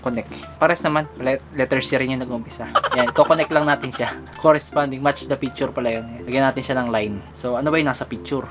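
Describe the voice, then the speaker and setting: A man's voice: mid-range voice, fairly even intonation, fast talker, hardly any pauses, over music. Chatty Filipino man tutoring. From Philippines. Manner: chatty, laughs often, thinks aloud. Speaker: language tutor. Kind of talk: casual tutorial talk.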